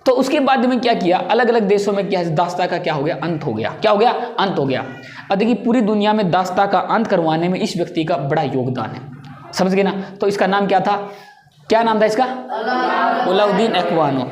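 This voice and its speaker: A woman's voice: medium pitch, expressive, brisk, darkish tone, a little hiss or hum. A woman teaching a general knowledge lesson, asking a question and then answering it herself, and repeating key points. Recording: echoey room.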